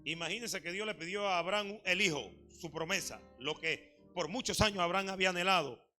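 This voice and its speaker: High, bright-voiced preaching man. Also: fairly quick, soft background music. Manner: repetitive rhetorical questions to the congregation; emphatic preaching, repeated phrases. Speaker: pastor. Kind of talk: sermon. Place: church service.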